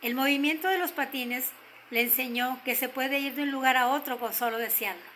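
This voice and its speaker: An older woman with a Mexican accent telling a story gently, slowing down to stress key moments. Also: sits high, slight background noise, rough recording. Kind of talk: told story.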